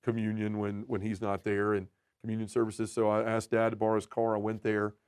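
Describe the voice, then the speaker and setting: A man telling his personal testimony as a podcast guest, earnest and emotional, often dropping to a soft, quiet voice. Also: lowish voice, monotone, fairly quick, smooth.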